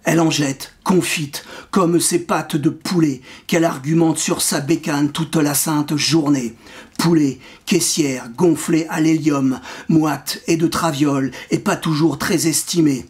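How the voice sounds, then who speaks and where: A poet reading his own poem aloud with a measured, rhythmic delivery. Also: a little high, fairly even intonation. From France. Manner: measured, rhythmic recitation with wordplay. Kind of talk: poetry reading.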